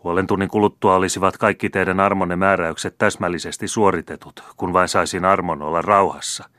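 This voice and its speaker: A man's voice: low voice, steady tone, fairly bright tone, no room sound, studio quality. A man voicing a grumbling, peevish old gardener in a storybook reading. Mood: aggrieved.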